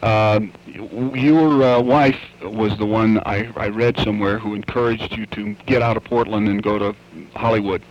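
A man interviewing, asking his questions haltingly with many fillers. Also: on the low side, steady tone. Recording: dull lo-fi tape with faint hiss.

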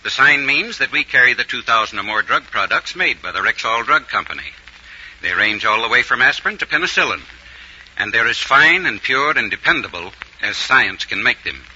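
A man gives an earnest, reassuring sales pitch for an old radio show, with a sharp, bright but husky voice. His pitch rises and falls with a lot of movement. The sound is dull and lo-fi, like a vintage radio broadcast. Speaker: commercial spokesman. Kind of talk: scripted commercial read.

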